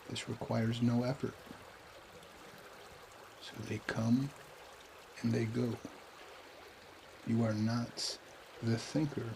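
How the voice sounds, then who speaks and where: Guiding a meditation, a man speaks in a calm, even, mid-range voice with a gravelly creak and almost no rise or fall. He talks very slowly and unhurriedly, pausing between short, spaced phrases. Faint trickling water and a slight hiss or hum sit behind him.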